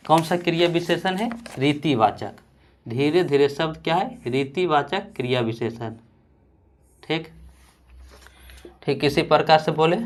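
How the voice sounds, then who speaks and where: Male teacher from Bihar, slow dictation pace, repeats himself, asks and answers his own questions. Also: a little high. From Bihar, India. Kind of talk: grammar lesson with dictation.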